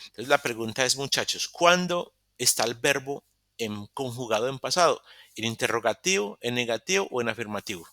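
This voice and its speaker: Un profesor de inglés que explica la gramática con paciencia en una clase virtual, repite las ideas y hace preguntas a sus alumnos. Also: male voice, mid-range voice, animated, a little fast, sharp tone. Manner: patient, repeats explanations, asks students questions. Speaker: English teacher. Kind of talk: online class lesson. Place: virtual class session.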